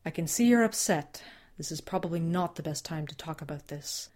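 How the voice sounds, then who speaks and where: Woman voicing a calm, deadpan male agent. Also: deep voice. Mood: measured. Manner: measured, deadpan and careful. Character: calm, formal male agent, measured and serious.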